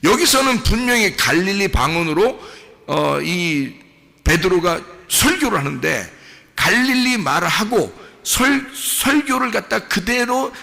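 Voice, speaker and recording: A male pastor preaching a sermon in a church sanctuary, animated and lively, acting out what people say as he explains. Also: high-pitched, a little slow, creaky. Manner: animated, acts out quotes and mimics speech. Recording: long hall reverb.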